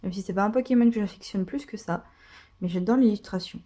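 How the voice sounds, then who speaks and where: Her voice is mid-range and dark, and she moves at a quick pace. As a vlogger opening card packs, she chats casually, enthuses over each card she gets, and leans heavily on fillers.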